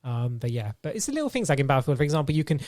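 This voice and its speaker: A man's voice: medium pitch, very animated, very fast, darkish tone, no echo, clean studio sound. A man chatting casually on a podcast, hedging a lot and restarting his sentences. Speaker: podcast co-host. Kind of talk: casual chat.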